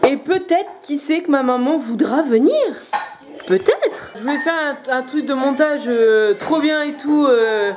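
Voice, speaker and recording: A woman's voice: sits high, expressive, a little slow. A young woman chatting casually and hesitantly to her handheld camera at home, rambling as a vlogger. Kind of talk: casual vlog chat. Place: at home indoors.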